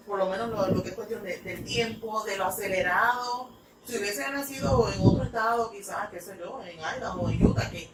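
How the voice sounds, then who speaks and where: A woman from New York, an English teacher, telling stories in a church talk with many fillers. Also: medium pitch. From United States (New York). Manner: rambling, filler-heavy storytelling. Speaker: English teacher, ministry speaker. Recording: echoey room, mic far off, noisy.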